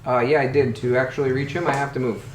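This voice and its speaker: A man's voice: medium pitch, quick pace. A man running a tabletop game as game master, talking casually, bluntly and with lots of swearing. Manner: profane, blunt, animated. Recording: echoey room with faint noise.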